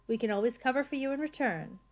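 A woman voicing a breezy, self-assured young man with a brisk, cheerfully bossy manner in an audiobook reading. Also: sits high, voice pushed up, lightly acted. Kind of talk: audiobook character voice.

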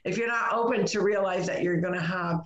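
A woman's voice: mid-range voice, a little fast, highs cut off. A middle-aged woman chatting casually, rambling through anecdotes and acting out the exchanges, in a roomy, echoing recording. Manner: rambling, acts out quoted exchanges. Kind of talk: casual chatty storytelling in conversation.

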